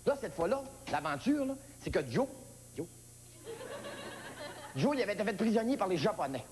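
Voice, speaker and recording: A stand-up comedian with a Québécois French accent tells a childhood story as a comic monologue, acting out its characters with high yelps. His pitch swings widely at a moderate pace, and the recording has a big-room sound with a noisy background.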